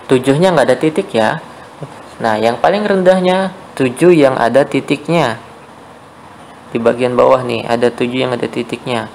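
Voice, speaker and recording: A man's voice: mid-range voice, moderate pace, vocal fry, long pauses, darkish tone, a little hiss or hum, low-quality recording. A young man teaching a primary-school music lesson, explaining patiently step by step. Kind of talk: online class lesson for children.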